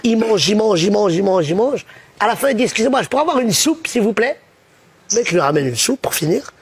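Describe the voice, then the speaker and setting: A man telling a string of jokes in a casual stand-up style, acting out the characters with stutters and shouts. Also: high-pitched, very animated, fairly quick, slightly rough. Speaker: comedian.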